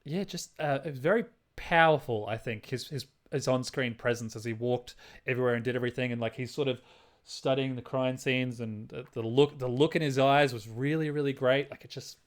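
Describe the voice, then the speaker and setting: Male podcast co-host, mid-pitched, casual, halting delivery with frequent restarts. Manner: hesitant, many restarts, hums tunes aloud. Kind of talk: casual chat about a film.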